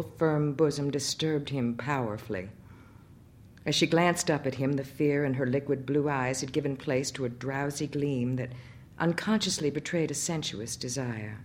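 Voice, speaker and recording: A woman with a notably low voice reads a literary story aloud. Her narration is measured and expressive, paced for listening. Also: slight background noise. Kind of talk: audiobook story reading.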